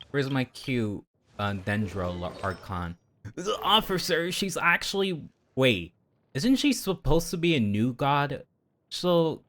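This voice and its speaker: While playing a game on a livestream, a man talks to his viewers in a casual, rambling, geeky way full of slang. His voice is medium-pitched and a bit bright.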